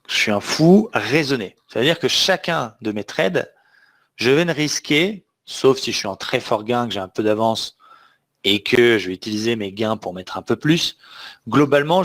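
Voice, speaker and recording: A man's voice: medium pitch, a bit bright. A man teaching a live online trading webinar, talking emphatically and often checking that the audience understands. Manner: emphatic, asks the audience questions. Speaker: trading trainer.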